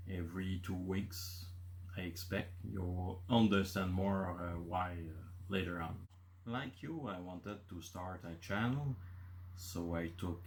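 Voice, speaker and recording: A man in his fifties from Quebec City, Canada, a native French speaker with a Quebecois accent, hosts his channel, talking casually from bullet points with many filler uhs. His voice is low-pitched and a little mellow.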